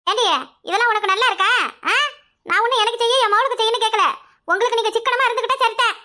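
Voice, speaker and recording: A woman's voice: very high voice, steady tone, fast talker, pushed and bright. A woman voicing a scolding, sarcastic village mother-in-law in a cartoon, with a Kanyakumari Tamil accent. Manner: nagging, sarcastic. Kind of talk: cartoon comedy acting.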